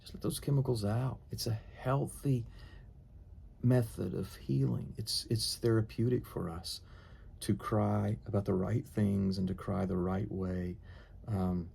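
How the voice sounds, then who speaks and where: Gravelly low-voiced man teaching devotionally. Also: steady tone, measured pace, mellow.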